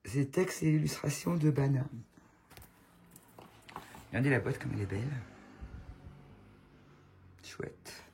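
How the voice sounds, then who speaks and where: Her voice rumbles low yet animated, mellow at a moderate pace with long pauses and a slight hiss or hum, its sound affected by a cold. The tarot channel host chats to viewers from home, fondly showing off new items and gushing over how much she loves them.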